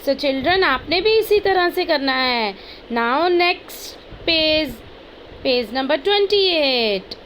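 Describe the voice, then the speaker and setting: A young woman teaches little children online, stretching each word out very slowly so they can follow along. Her voice sits high, and a faint noise hums behind her. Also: lively intonation, fairly bright tone, poor audio. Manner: slow, drawn-out reading aloud of words for children to repeat. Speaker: primary school teacher.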